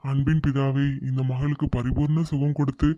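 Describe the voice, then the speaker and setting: A performer voicing Jesus as a calm, kind male healer in a cartoon, praying in a gentle, solemn way. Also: mid-range voice, moderate pace, dry recording, highs cut off, close to an everyday voice. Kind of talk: cartoon voice acting.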